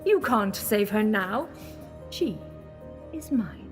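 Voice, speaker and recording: A woman's voice: medium pitch, big pitch swings, slow pace. A woman acting in an audio drama as a sly, mocking alien villainess posing as a goddess, theatrical and taunting. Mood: gloating. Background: music.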